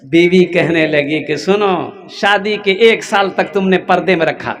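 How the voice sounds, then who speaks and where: A man voicing an aging village wife who weeps and then scolds her husband in a pleading, drawn-out way. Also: high voice, fairly bright tone. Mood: reproachful.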